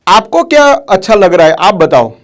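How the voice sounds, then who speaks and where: A man's voice: high voice, sing-song, normal speed. A man voicing an unhappy elderly man who complains that his family ignores him. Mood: aggrieved. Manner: complaining, aggrieved.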